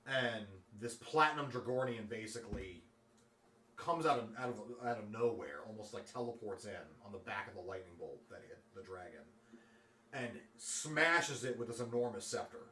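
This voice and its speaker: A man's voice: fairly low pitch, lively intonation, normal speed, bright, forceful tone, recorded from a distance, slight background noise. A man narrating a tabletop game as dungeon master in a loose, filler-heavy way, recorded off-mic in a roomy space with faint ambience. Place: room at a streamed game table.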